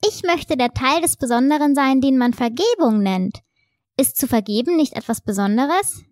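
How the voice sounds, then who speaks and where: A woman's voice: sits high, expressive, normal speed, a little mellow, dry recording, clean studio sound, pitched above the performer's own voice. A woman doing an eager little childlike soul. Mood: excited. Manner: breathless, wide-eyed questioning. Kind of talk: storybook reading.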